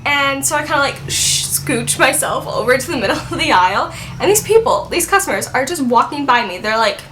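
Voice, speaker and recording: Bright-voiced young woman telling a storytime. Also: high-pitched, a little hiss or hum. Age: 20s. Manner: chatty, rambling, heavy use of "like". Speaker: vlogger. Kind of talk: casual storytime vlog.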